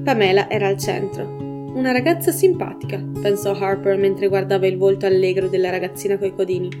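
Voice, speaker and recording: A woman narrating a detective novel in a composed, even reading. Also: medium pitch, quick pace, music in the background. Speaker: audiobook narrator. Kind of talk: scripted narration.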